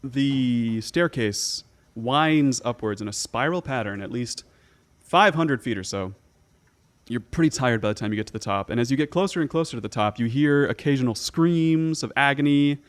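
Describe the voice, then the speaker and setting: A man's voice: mid-range voice, normal speed. Male game master, mid-range voice, descriptive and improvised tabletop narration. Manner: descriptive, searching for words as he goes.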